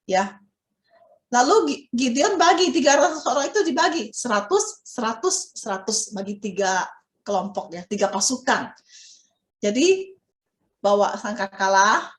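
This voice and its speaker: Lively woman telling a Bible story to children. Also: on the high side, roomy sound. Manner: animated, asks children questions, dramatic exclamations. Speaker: Sunday school teacher.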